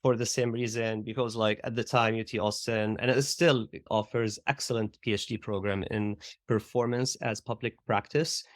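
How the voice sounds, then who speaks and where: A middle-aged Syrian man with a Syrian Arabic accent speaks in a lowish, fairly even voice at normal speed, barely pausing. He's a theater educator appearing as a guest in a conversational interview, reflectively telling his story and often adding "like" and "right?". The studio recording is clean with no echo.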